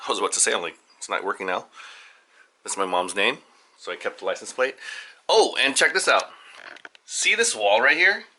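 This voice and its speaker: A father hosting a family video channel, casually showing off his home studio in a halting, rambling way with lots of fillers and restarts. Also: fairly low pitch, lively intonation, pushed and bright. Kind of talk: casual studio tour vlog.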